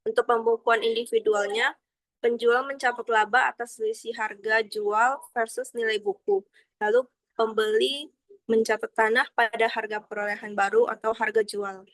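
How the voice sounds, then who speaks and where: A young adult woman gives a formal, explanatory student presentation on accounting, partly reading from her slides. Her voice is a little high with fairly even intonation at normal speed, and the recording is dry and rough.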